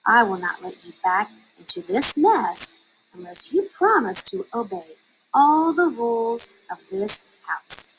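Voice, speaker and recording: A woman's voice: a little high, big pitch swings, a little slow, low-quality recording. A woman acts out a strict storybook mother bird. She is bossy and protective, scolding her young sternly, with faint music behind.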